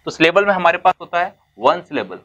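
Poor audio captures a man with a high voice, big pitch swings, and a pushed, bright delivery teaching basic English terms in a classroom-style lesson. He combines Hindi with English words and asks questions only to answer them himself, stretching words out slowly for emphasis.

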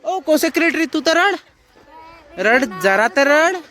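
A man's voice: very high-pitched, animated, a little slow. A young man from Maharashtra vlogging outdoors at a camp farewell, playfully teasing his friends. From Maharashtra, India. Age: young adult. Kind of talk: casual teasing vlog chat. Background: crowd of students chatting.

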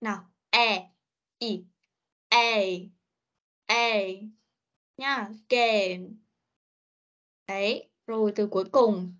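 Over a muffled video-call connection, a female English teacher drills each sound and word repeatedly in an online pronunciation class. She speaks slowly in a medium-pitched voice, pausing often.

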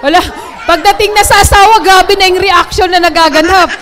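A woman giving a lively, joking motivational training talk to a live audience. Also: very high-pitched, normal speed, some chatter behind. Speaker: training speaker.

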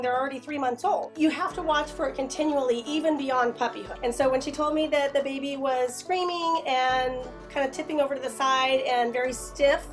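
A woman host with a raspy, hoarse voice from a cold, earnestly telling viewers a story in a casual way. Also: high voice. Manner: earnest, talks straight to viewers. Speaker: pet channel host.

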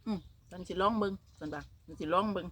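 A woman's voice: medium pitch, quick pace, fairly bright tone, slight background noise. An older woman with an Isan Thai accent chats casually outdoors in the countryside, slipping broken English phrases into her talk. Faint rural sounds and birds drift in behind her voice. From northeastern Thailand. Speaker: vlogger. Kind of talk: casual chat.

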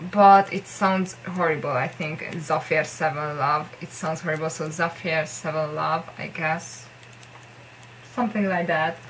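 Sitting in a bedroom hung with posters, a young Hungarian vlogger rambles to camera in accented second-language English, peppering her talk with "like" and putting herself down. Her lowish voice has a fairly bright tone, and the rough recording carries slight background noise.

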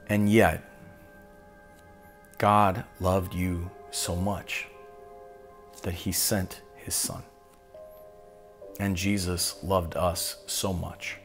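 A man preaching a solemn sermon as pastor, slow and deliberate, with long pauses between phrases. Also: sits low.

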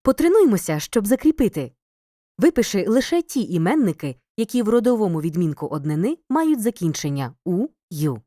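A woman reading a scripted grammar lesson as a teacher, clear and measured, pausing between listed words. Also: medium pitch, big pitch swings, warm tone, no echo. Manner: clear, measured, reads word lists with pauses. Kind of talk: scripted educational narration.

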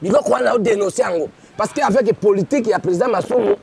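A man's voice: sits high, quick pace, gravelly. A man, a comedian being interviewed, talking in an exuberant, declamatory way. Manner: exuberant, declamatory, mixes two languages. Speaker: comedian interviewed in his stage persona. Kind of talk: street interview, lively self-promotion. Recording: crowd noise behind.

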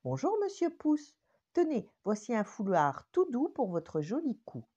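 Shy little finger man, high and breathless, played by an older woman, storybook, lo-fi. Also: wildly swooping pitch, a little slow, dark tone, breathy edge, heavily acted.

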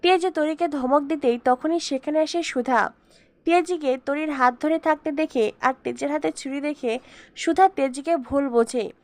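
High-voiced woman narrating a recap. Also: a little slow, dry recording. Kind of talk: scripted story recap narration.

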